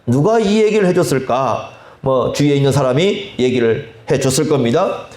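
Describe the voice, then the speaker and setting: A male pastor preaching a sermon, slow and deliberate, often asking the congregation rhetorical questions. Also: mid-range voice, animated, darkish tone. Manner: slow, deliberate delivery with drawn-out phrases. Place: church sanctuary. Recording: echoey church hall.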